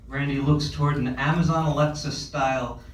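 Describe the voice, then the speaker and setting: At a live screenplay table read, a man reads the stage directions as scripted narration. His voice is on the high side, steady and a little fast, picked up by a distant mic in an echoey room with clear background noise.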